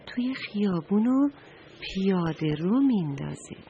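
A woman voicing a curious, kindly talking red brick in a children's story, speaking softly and questioningly. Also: mid-range voice, very animated, lo-fi sound, a little hiss or hum. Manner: soft, surprised, questioning.

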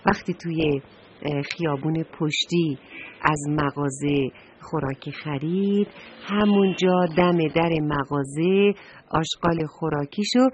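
A woman voicing a small cheerful sparrow in a children's story, speaking calmly and reassuringly. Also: sits low, dull audio, a little hiss or hum, close to an everyday voice.

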